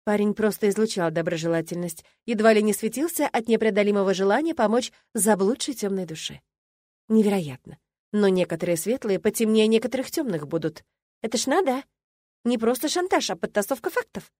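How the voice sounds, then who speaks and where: A woman's voice: mid-range voice, animated, fairly quick, a little mellow, no echo, studio quality. A woman narrating a first-person fantasy audiobook in a wry, ironic way.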